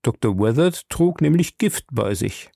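A man voicing a shrewd, suave investigator who talks in a measured, diplomatic way. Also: medium pitch, lively intonation, vocal fry, mellow, husky, no room sound, clean studio sound, exaggerated voice.

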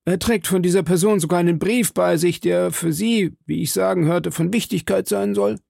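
A frightened, wounded soldier who pleads and stammers as his strength drains away, as a male audiobook reader puts him on. The voice is gravelly and husky and sits higher than the reader's own. It is recorded close and dry. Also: steady tone, normal speed, darkish tone, no room sound, heavily acted. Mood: fearful. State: weak from blood loss. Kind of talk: audiobook character reading.

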